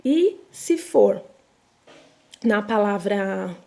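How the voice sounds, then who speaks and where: A woman's voice: medium pitch, expressive, drawn-out words, creaky, dark tone. A young woman teaching a recorded reading lesson to young children, with a Brazilian Portuguese accent, patient and drawn out, repeating each word. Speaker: primary school teacher.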